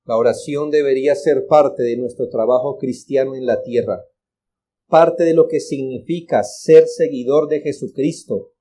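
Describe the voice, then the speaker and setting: Hombre predicando con voz oscura. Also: male voice, medium pitch, a little slow, warm tone. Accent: Colombian Spanish. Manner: earnest, exhorting, repeats for emphasis. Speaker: pastor. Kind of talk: sermon.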